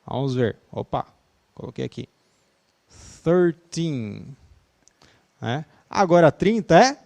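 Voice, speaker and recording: A man's voice: fairly high pitch, big pitch swings, takes it slowly, vocal fry, a little mellow. A male English teacher with a Brazilian Portuguese accent leads an online class, chatty and easygoing, laughing easily and ending sentences with "né".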